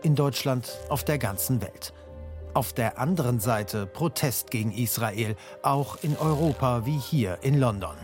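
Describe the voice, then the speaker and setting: Man, news report voice-over, measured, factual, mid pitch, faint music. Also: animated. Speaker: TV reporter, narrator. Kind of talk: scripted news report narration.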